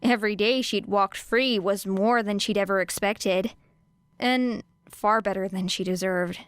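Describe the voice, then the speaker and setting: Working as an audiobook reader, a woman narrates a scripted work of fiction close to the microphone. The space is dry with no room sound, and her medium-pitched voice comes across smooth and clean.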